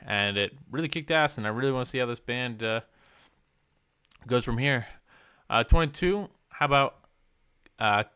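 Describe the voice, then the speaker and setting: A man's voice: medium pitch, pushed and bright, clean tone, dry recording, studio quality. A young man vlogging from his room, casually ranking albums with lots of ums and offhand swearing. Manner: rambling, many ums and uhs, casual swearing. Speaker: music vlogger. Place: home room.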